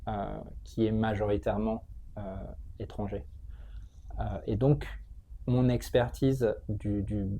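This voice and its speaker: A man speaks as an interview guest in a low, mellow voice with a gravelly creak. He explains things conversationally, often pausing and repeating words while he looks for the right one. A faint noise sits behind him. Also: flat delivery. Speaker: interview guest, tech training school entrepreneur.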